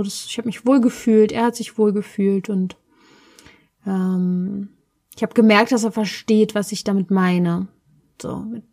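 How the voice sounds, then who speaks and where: A woman's voice: medium pitch, a little mellow. Woman from Berlin, mid-range voice, casual reflective storyteller who gropes for words. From Berlin, Germany.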